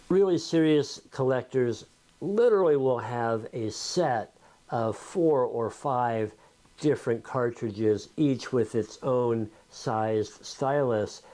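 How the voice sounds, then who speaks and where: Talking informally to his viewers, a male video host explains things in a conversational tutorial style. His voice is medium-pitched with a warm tone.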